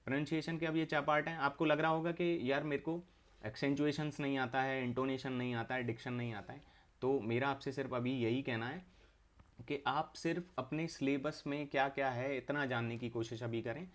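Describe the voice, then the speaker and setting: A young man gives an online exam-prep English lesson. He has a mid-pitched voice. He walks through each term step by step and goes back over it. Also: steady tone, a little fast. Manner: explains terms step by step, repeating them. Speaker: English teacher.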